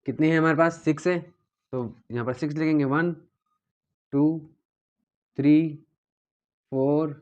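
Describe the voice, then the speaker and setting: A man walks his students through a physics lesson step by step, going back over each point and checking often that they follow. His voice sits a little high. The recording sounds dull and lo-fi. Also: a little slow, pauses often, smooth. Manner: steady and repetitive, checking understanding often. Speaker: teacher.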